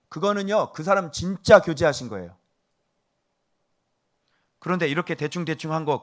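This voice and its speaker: A middle-aged male pastor delivering a sermon, scolding and quizzing his listeners, jumping from loud emphasis down to hushed whispers. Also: on the high side. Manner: scolding, asks the congregation questions.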